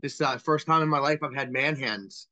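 A man's voice: medium pitch, moderate pace, sharp tone. A man in his thirties, a guest on a video call interview, telling his story in a candid, self-deprecating way from a small room. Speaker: guest, property cleanout worker. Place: small room indoors with bookshelf.

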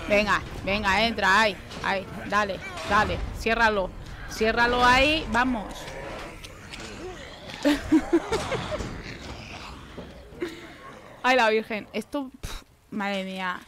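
A woman's voice: mid-range voice, takes it slowly, long pauses, noisy background. A young woman with a Spanish accent from Spain commentating live on a horror game she plays, swearing often and talking to the characters on screen. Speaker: gaming streamer.

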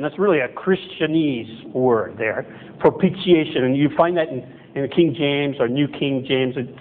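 A middle-aged man preaching a conversational sermon as pastor in a chapel, correcting himself as he goes. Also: fairly high pitch. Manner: conversational, self-correcting, acts out quoted voices. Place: church chapel hall with projector screen, indoors. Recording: tinny phone-like sound with faint noise.

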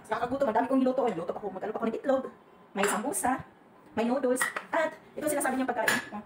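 A Filipina woman, rambling and venting in a casual vlog while cooking in a kitchen. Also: on the high side. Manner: rambling, venting, quick chatty talk with laughs. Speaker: overseas domestic worker vlogger. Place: kitchen indoors. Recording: echoey room, faint background noise.

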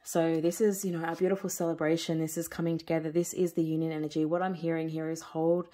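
A woman giving a spiritual tarot reading, talking in slow, soothing, repetitive phrases. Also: low-pitched, little pitch movement, warm tone. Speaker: tarot reader.

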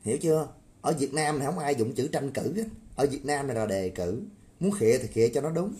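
A man's voice: medium pitch, lively intonation, fairly quick, mellow. A man ranting crudely on a livestream, mocking and swearing, often asking viewers to agree. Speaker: political commentator. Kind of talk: livestream rant.

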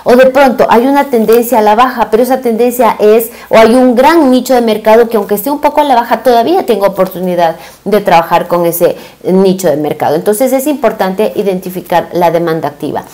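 A woman's voice: mid-range voice, brisk, few pauses, warm tone. Woman teaching a webinar. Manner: explanatory, with frequent fillers and rhetorical questions. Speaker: business and marketing consultant. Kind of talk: webinar presentation. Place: indoor room, small webcam inset.

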